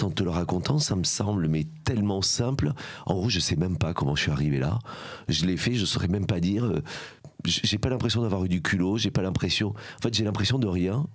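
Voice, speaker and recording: A man's voice: low-pitched, husky, no room sound, studio quality. A middle-aged man from Aveyron with a southern French accent, telling his story as a podcast guest, reflective and full of hesitations. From Aveyron, southern France. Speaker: guest, association founder. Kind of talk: podcast conversation.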